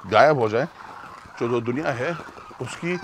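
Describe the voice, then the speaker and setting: A middle-aged man hosting a travel show outdoors, earnest and sometimes hushed, speaking on a lapel mic with bird calls and outdoor noise behind him. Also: medium pitch, a little slow. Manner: earnest, hushed at times, moralizing. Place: outdoors at a desert bird site. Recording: outdoor noise, birds calling.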